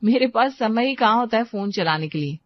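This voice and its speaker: A woman's voice: a little high, animated, brisk, no echo, lightly acted. A woman voicing a sweet but distracted young wife in a cartoon, chatty and pleading. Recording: dry, slightly dull lo-fi sound.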